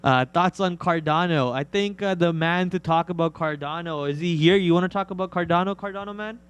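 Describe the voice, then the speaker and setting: A man's voice: high voice, a little fast, clean tone. A man hosting a live trading stream, giving casual, slangy market commentary and answering viewer questions informally.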